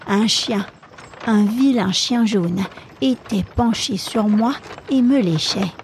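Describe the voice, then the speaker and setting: A woman storyteller reading a classic novel aloud for a podcast in a calm, measured way. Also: medium pitch, slight background noise.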